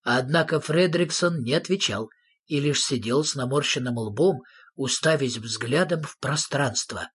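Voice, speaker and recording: A narrator reading a children's story aloud with expressive storytelling. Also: medium pitch, measured pace, slightly rough.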